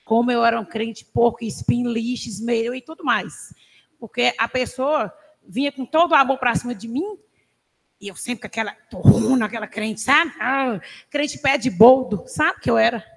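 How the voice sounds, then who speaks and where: Woman, high gravelly voice, animated church testimony, long reverb of a hall. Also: normal speed. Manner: animated storytelling, laughs often. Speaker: church class participant. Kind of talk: testimony in a Bible class.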